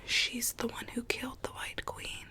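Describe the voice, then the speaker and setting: A woman's voice: normal speed, natural voice. Whispering sweet rogue storybook Alice played by a woman. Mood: confiding, earnest. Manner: soft, coaxing, theatrical storytelling. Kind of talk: whispered ASMR roleplay.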